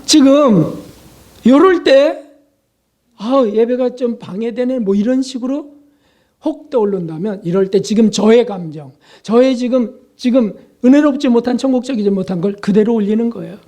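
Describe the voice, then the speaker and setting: A male pastor delivering a sermon with a dark, mellow tone. He talks to the congregation in a plain, conversational way and puts many questions to them. When he acts out prayers, he drops lower and softer, sometimes to a near whisper. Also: animated, normal speed. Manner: earnest, conversational preaching with rhetorical questions.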